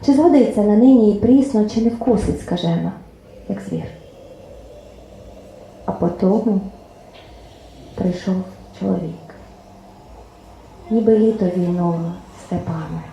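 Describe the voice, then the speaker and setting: A woman reads her own poems aloud at a book launch in a club hall, expressive and measured, letting line endings fade into almost a whisper. Her voice is dark and mellow with a gravelly edge. The hall is very echoey, with faint room noise behind her. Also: medium pitch. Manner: expressive recitation, lines trailing off softly, nearly whispered. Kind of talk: poetry reading at a book presentation.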